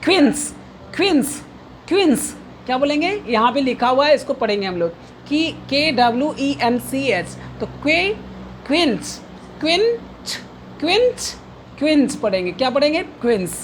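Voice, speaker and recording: A woman's voice: sits high, lively intonation, fairly quick, slight background noise. A woman teacher giving a pronunciation lesson, explaining words and drilling each one aloud over and over, asking and answering her own questions. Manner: drills each word by repeating it many times, asks and answers own questions. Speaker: English teacher.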